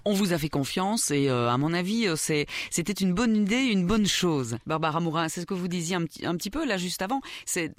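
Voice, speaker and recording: A woman's voice: on the low side, lively intonation, a little fast, few pauses, no echo. A woman hosting a radio interview, with stammering restarts and an encouraging tone. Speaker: radio host.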